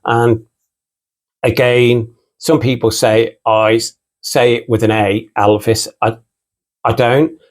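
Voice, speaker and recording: A man's voice: medium pitch, little pitch movement, slow. A British man with a mixed English and Irish accent, a record collector hosting his own channel and chatting casually. He rambles and keeps repeating "again" and "you know.". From United Kingdom. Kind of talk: casual unscripted vlog talk.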